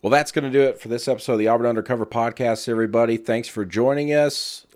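A man hosting a sports podcast, wrapping up an episode in a steady, scripted way. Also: medium pitch, quick pace. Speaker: podcast host. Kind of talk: podcast sign-off.

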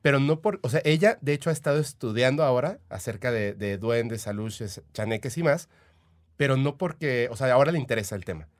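A man with a Mexican accent talks as a podcast guest, telling his stories in loose, eager chat. His voice sits at an ordinary middle pitch, and he fills his pauses with small verbal fillers. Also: lively intonation. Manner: chatty, eager, full of "o sea" and "este" fillers. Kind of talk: casual storytelling.

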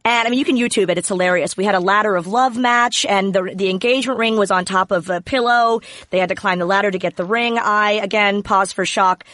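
A woman's voice: mid-range voice, fairly quick, hardly any pauses, a bit bright, dry recording, studio quality. A woman guest telling a story in a chatty, jokey way. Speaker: guest wrestler. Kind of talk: casual interview chat.

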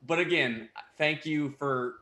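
A man's voice: a little high, unhurried, sharp tone. A young man, a baseball player, chatting casually in an interview and breaking into laughter often. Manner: laughs often while talking. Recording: roomy echo.

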